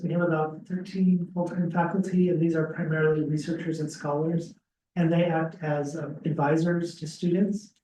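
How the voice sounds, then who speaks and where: Prospective students hear a school dean give an easygoing information session, his slightly high voice broken by frequent ums and restarts. He's in a classroom with an audience, streamed on a video call and captured by a faraway laptop webcam. The result is roomy, distant audio with a touch of hiss or hum.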